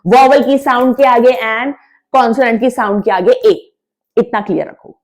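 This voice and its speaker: A woman's voice: fairly high pitch, steady tone, normal speed. A woman teaching English grammar in a lesson, mixing Hindi with English words. She repeats her points with emphasis and drills the letter sounds aloud. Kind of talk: classroom-style grammar lesson.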